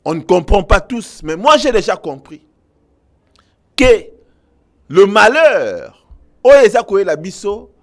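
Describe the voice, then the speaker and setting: Impassioned Congolese man, lively high voice. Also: takes it slowly, pauses often. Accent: Congolese French. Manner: emphatic, mixes French and Lingala, swings from loud outbursts to low intensity. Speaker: online news commentator. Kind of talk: impassioned political commentary to viewers.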